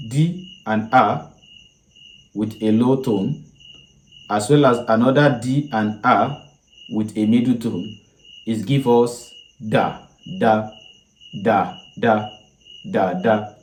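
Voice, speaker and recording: Slow Nigerian man practicing tones, echoey room. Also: mid-range voice, a little hiss or hum. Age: young adult. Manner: practicing tones, sounding out syllables one by one. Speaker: Yoruba language instructor. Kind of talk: scripted language lesson. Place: small indoor room.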